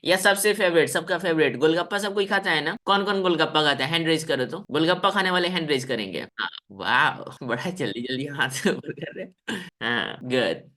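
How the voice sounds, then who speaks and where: A man's voice: a little high, expressive, moderate pace, bright, forceful tone. A man teaching children in a live online class over a video call, coaxing them, checking in often and demonstrating sounds.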